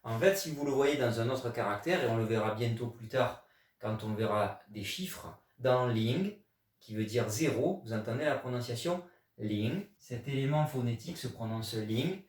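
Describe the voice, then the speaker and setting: A man's voice: mid-range voice, expressive, normal speed, recorded from a distance. A man from France teaching a video language lesson, explaining patiently and stressing key words. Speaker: Chinese teacher. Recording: echoey room, voice away from mic.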